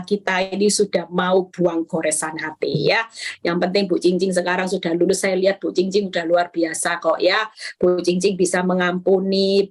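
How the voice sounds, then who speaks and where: A woman pastor gives counsel over a video call. She sounds warm and reassuring, lively in her delivery. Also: lowish voice.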